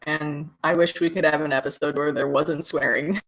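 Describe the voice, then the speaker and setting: A man's voice: fairly high pitch, fairly even intonation, normal speed, vocal fry, fairly bright tone, rough recording. A man co-hosting a casual podcast, mildly exasperated and wishing the show had less swearing. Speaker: podcast co-host. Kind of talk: casual chat.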